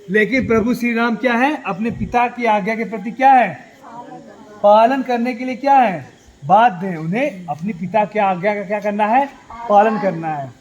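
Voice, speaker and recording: High-voiced man telling a story to children. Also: low-quality recording. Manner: asks rhetorical questions and answers them himself; sings the crowd's plea in a drawn-out chant. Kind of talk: storytelling to schoolchildren. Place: school hall at night.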